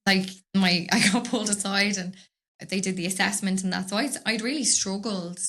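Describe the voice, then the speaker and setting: This woman, a Dublin-accented business owner, is a guest on a podcast, talking casually in the studio and drifting from one story to the next with frequent laughter. She speaks at a moderate pace, with a medium pitch, fairly even intonation, and a slightly bright tone.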